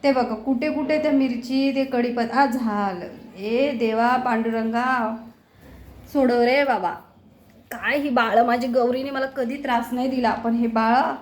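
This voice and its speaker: A woman's voice: a little high, steady tone, a little slow, roomy sound. A woman talking to her pets in a home kitchen, scolding them fondly in exasperated baby talk. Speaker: pet owner filming her cats. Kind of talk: casual home video chatter to pets.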